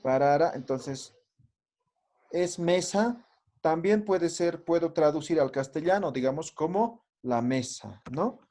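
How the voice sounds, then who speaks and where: A man's voice: a little high, expressive, slow, mellow. A man teaching a language class, patiently explaining and often checking that the students follow. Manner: patient, checks understanding with frequent tag questions. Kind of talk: classroom lesson.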